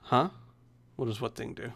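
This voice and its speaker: A man's voice: mid-range voice, fairly even intonation, normal speed, creaky, fairly bright tone. A man acting as game master, narrating a tabletop game and chatting casually with the players.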